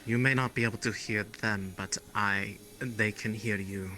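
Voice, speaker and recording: A man playing a guide who interprets the spirits, speaking in a measured, hesitant way. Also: on the low side, steady tone, sharp tone. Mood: guiding. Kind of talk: in-character roleplay.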